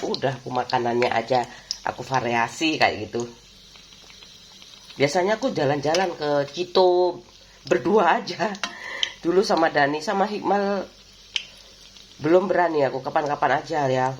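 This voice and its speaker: A woman's voice: low voice, expressive, normal speed, pauses often, a little hiss or hum. A woman with a lilt talks as she cooks at home for her own vlog. She wanders from one memory to the next and breaks into easy laughs along the way. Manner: rambling and reminiscing, laughs often. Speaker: vlogger. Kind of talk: casual chatty vlog while cooking.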